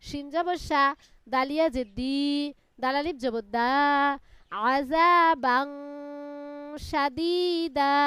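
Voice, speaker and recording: In a live online Quran class, a woman chants Arabic letters one syllable at a time and explains the rules of recitation. Her voice is high and a little bright, with no room sound, heard over an online class call.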